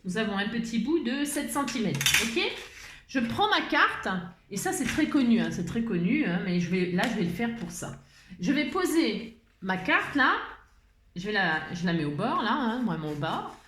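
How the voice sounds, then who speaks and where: A woman's voice: fairly high pitch, very animated, moderate pace, a bit bright. A woman hosting a casual crafting tutorial. She rambles, often changes her mind mid-sentence, and chuckles a lot as she talks. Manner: chuckles often while talking. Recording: roomy echo, faint background noise.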